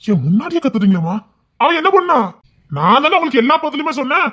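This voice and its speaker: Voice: high voice, sing-song, fairly bright tone. A performer playing a blunt young husband, a police officer who argues with his mother in a family drama skit. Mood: arguing. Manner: blunt, rapid, scolding.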